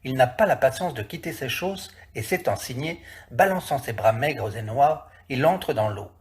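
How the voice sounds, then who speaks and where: A man narrating a classic story in a vivid, expressive reading. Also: medium pitch, moderate pace.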